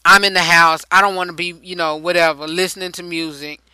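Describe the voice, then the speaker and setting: A man's voice: high voice, little pitch movement, a little fast, sharp tone, clean tone, no room sound, poor audio. A man hosting a talk show in a casual interview, chatty and rambling and often restarting his sentences.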